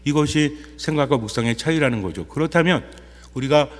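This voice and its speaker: Male priest, higher-pitched, preaching in a reverberant church, rhetorical Q&A style. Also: animated, a little fast. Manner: asks rhetorical questions and answers them himself; acts out quoted inner voices in a softer, lower tone. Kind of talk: sermon.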